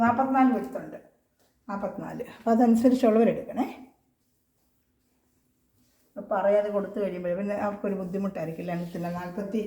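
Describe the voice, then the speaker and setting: Fast-talking woman selling clothes. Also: medium pitch, reverberant. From Kerala, India. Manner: chatty, reassuring, repeats tag questions; speaks as loudly as she can. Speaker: online clothing seller. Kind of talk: casual product showcase. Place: at home.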